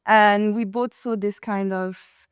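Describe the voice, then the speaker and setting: A woman's voice: mid-range voice, steady tone, slow pace, clean tone, dry recording, studio quality. A woman in her twenties from Morocco, chatting casually as a guest, laughing often and filling with "like". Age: 20s. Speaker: guest, event co-founder. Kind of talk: casual chat.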